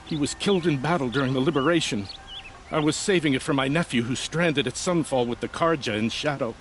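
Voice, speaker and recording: A man's voice: mid-range voice, brisk, slight background noise, close to an everyday voice. An actor playing an aggrieved nobleman in a video game, speaking in an earnest, proud and formal manner. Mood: earnest, sorrowful. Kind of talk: video game dialogue acting.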